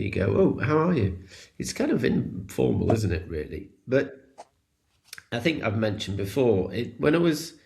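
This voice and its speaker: Gravelly british isles guy, lively up-and-down voice, rambles candidly. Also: medium pitch. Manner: candid, rambling, with laughs and swearing. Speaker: co-host. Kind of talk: casual conversation.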